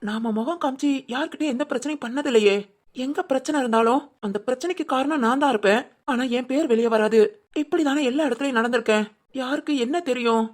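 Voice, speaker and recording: A woman voicing a scheming, vengeful masked young man in a cartoon. He talks in a low, brooding inner monologue. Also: fast. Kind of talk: cartoon voice acting.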